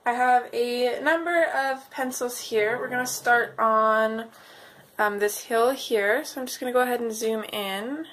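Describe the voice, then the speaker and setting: Higher-pitched woman with a slightly sore throat. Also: fairly bright tone, rough recording. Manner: unhurried, thinking aloud. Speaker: host of a coloring tutorial video. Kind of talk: casual tutorial chat while working. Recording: clear background noise.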